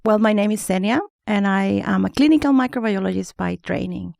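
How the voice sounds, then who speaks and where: A woman, and her voice carries a gravelly edge. She is a guest expert on a podcast, explaining carefully at a mid pitch with the odd restart. The recording is close and dry. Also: brisk, a little mellow, dry recording. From Honduras. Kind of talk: podcast interview.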